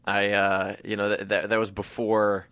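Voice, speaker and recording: A man's voice: lowish voice, completely flat delivery, normal speed, sharp tone, smooth, no room sound. A man, a comedian chatting as a radio guest in a rambling, self-deprecating way with lots of restarts. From New York City. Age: 20s. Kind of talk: casual radio interview chat.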